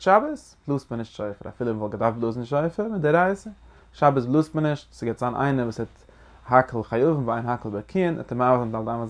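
A man giving Passover guidance as a religious teacher. He talks earnestly and emphatically, repeats key phrases and uses many Hebrew religious terms. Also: mid-range voice.

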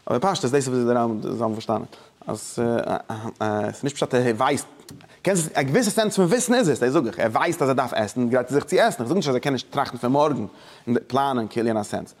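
A man's voice: mid-range voice, animated, fast. A man teaching a religious study lesson, explaining emphatically and often breaking off and restarting, mixing German with English words.

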